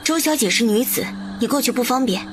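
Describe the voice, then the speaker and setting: An actress voicing a confident young village woman doctor with cool, cutting retorts in an animated drama. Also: on the high side, a little fast, over music, close to an everyday voice.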